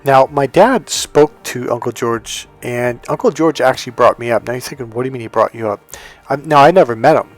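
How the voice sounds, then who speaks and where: A man's voice: medium pitch, fairly quick, faint music behind. A middle-aged American man telling personal stories casually, wandering off on tangents and speaking straight to the viewer. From California, United States. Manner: conversational, digressive, addresses viewer directly. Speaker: dating coach telling personal history. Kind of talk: casual autobiographical storytelling to viewers.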